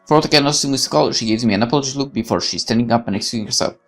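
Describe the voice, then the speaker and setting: Racing through the lines in a very deep voice, a let's player reads a visual novel aloud with faint music in the background. She stops for candid, opinionated asides, exclaiming often and swearing freely.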